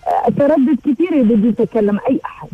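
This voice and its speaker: A woman's voice: fairly high pitch, expressive, slightly rough, no echo, faint music behind. Hesitant woman caller on a muffled phone line. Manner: hesitant, halting, with many fillers. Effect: thin phone-line sound over a weak connection. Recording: muffled narrow-band phone call.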